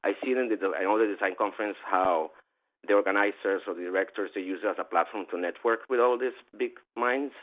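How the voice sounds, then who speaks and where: A man from Venezuela with a Venezuelan Spanish accent, talking in a rambling, animated way in a casual interview, often restarting and laughing. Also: on the low side, quick pace. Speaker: event organizer. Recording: tinny phone-like line.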